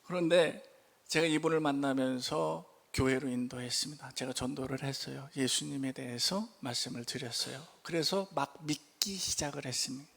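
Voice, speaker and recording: A male pastor preaching in church, telling a story with lively turns and rhetorical questions to the congregation. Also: mid-range voice, normal speed, gravelly. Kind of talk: sermon storytelling.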